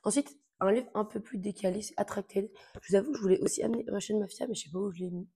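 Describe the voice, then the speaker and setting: Chatty young woman, gravelly voice. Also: mid-range voice, fast talker, dark tone. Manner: chatty, informal, many fillers and slang. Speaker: book vlogger. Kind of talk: casual chat to camera.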